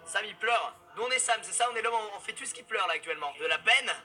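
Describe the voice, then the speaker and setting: A man in his twenties hosting a let's play from a home kitchen, excitable and swearing, with frequent loud outbursts. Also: sits high, fast talker, faint music behind. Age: 20s. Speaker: gaming video host.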